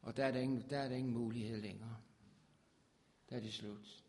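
A man preaching a sermon with fervor, his voice swelling loud on scripture. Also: mid-range voice, steady tone.

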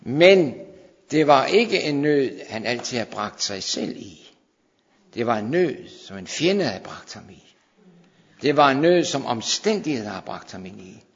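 A man preaching a fervent sermon to his congregation, sometimes dropping to hushed intensity. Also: mid-range voice, very animated, vocal fry. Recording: dull sound in a long-reverb hall.

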